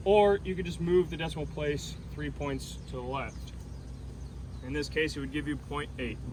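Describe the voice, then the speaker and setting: Male army instructor for artillery call-for-fire class; directive, a little high-pitched, recorded outdoors with noticeable noise. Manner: emphatic, directive, repeats key points. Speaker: military instructor. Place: outdoors under camouflage netting in a field. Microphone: phone held among the seated trainees. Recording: noisy outdoor phone recording.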